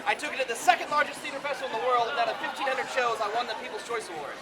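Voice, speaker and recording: A man with a strikingly high voice works an outdoor festival crowd as a comic host. He jokes and banters loudly. Heavy crowd noise surrounds him. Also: racing. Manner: energetic, joking, loud banter. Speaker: comedy performer and pub crawl host. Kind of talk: comic storytelling and crowd hosting.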